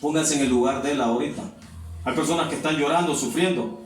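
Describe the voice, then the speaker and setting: High-voiced preacher in an echoey church. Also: male voice, fast talker. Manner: preaching with call-and-response questions to the congregation; repeats "hermano" often, exhorting. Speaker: pastor. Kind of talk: sermon. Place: church hall. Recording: echoey church from far off, faint noise.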